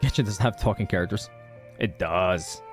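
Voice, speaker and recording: Low-voiced and speaking at a normal speed, this streamer plays through a game casually, cursing freely while he comments and reads the text out loud. Game music runs in the background.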